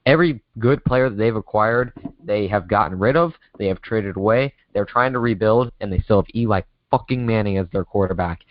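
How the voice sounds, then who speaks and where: A man's voice: fairly low pitch, brisk, few pauses, dry recording, highs cut off. A male podcast co-host in casual sports chat, ranting heatedly and swearing, heard over a remote call that cuts out. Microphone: remote call with a dropping connection.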